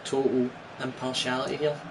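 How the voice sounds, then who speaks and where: A man with a broad Scottish accent talks casually as he plays a football game live. His pitch is average, and he is chatty and quick to exclaim for his side. Game noise sits clearly behind his voice. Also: flat delivery. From Scotland. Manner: chatty, exclamatory partisan reactions to play. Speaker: gaming streamer. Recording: noisy stream with game sound behind. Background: football video game crowd and commentary.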